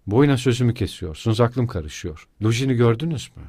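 A man's voice: mid-range voice, lively intonation, fairly quick, a little mellow, breathy edge, no echo, studio quality. A man voicing a feverish young male student who speaks in strained, broken-off bursts. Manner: strained, breaking off abruptly.

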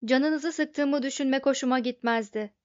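A woman voicing a depressed male robot who speaks in a flat, hopeless monotone. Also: sits high, moderate pace, no room sound, lightly acted. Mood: gloomy. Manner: flat, hopeless, sulky delivery. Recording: dull, dry lo-fi recording.

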